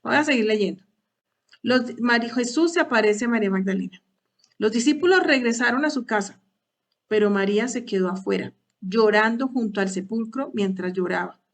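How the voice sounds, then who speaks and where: Woman with a higher voice teaching scripture. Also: moderate pace. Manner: hesitant, repeats words, asks rhetorical questions. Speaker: Bible study speaker. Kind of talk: Bible study talk to a women's group.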